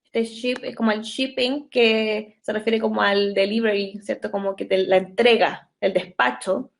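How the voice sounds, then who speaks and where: A woman's voice: mid-range voice, fairly even intonation, moderate pace, creaky. A young woman with a Chilean Spanish accent teaching English grammar in an online class, patient and explanatory, checking often for understanding.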